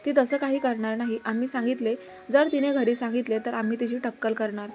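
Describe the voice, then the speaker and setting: A mischievous young wife who coaxes in a soft, pleading voice, read by a woman storyteller. The pitch is a little high, and music runs under the reading. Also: fairly even intonation, fairly quick, lightly acted. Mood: coaxing. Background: background music.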